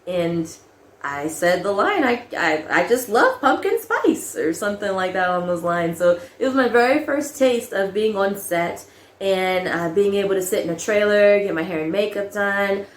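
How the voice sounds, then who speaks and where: A young adult woman casually telling a personal story, animated, laughing often and acting out quoted lines. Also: mid-range voice, normal speed, reverberant.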